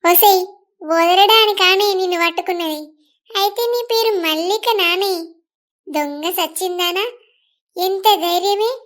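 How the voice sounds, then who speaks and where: A woman's voice: very high-pitched, a bit bright. A woman voicing a jealous young village bully. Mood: menacing. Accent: Telangana Telugu. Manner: slow, menacing threats. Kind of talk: cartoon voice acting.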